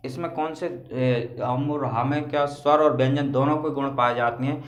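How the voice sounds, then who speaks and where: A man teaches a lesson at a middle pitch, putting questions to his students and then answering them himself. His voice carries a roomy echo, as if recorded in a bare classroom. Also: steady tone, normal speed. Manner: explains step by step, asks and answers his own questions. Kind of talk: classroom lecture.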